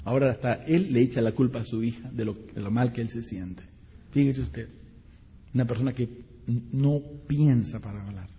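A man's voice: medium pitch, normal speed, breathy edge. A man preaching a sermon in a church, retelling scripture with dramatic voices and speaking directly to the congregation. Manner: animated, dramatic voicing of scripture characters, direct asides to the congregation. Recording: dull lo-fi recording with long hall reverb.

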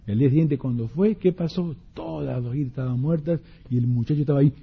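Husky preacher on a muffled recording. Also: male voice, mid-range voice. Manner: slows down to read scripture aloud. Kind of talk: sermon.

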